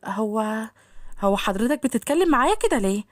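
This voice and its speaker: A woman's voice: on the high side, big pitch swings, brisk, no room sound, clean studio sound. A woman doing a shy, timid young maid with an Egyptian accent. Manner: soft, timid and polite. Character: shy, modest young housemaid, polite.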